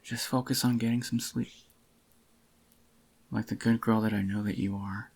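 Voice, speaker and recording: In a soft-spoken ASMR roleplay, a man portrays a doting, possessive yandere boyfriend with a tender, intimate murmur that feels soothing. His husky, slightly groggy voice is fairly low, level in tone, and delivered at normal speed.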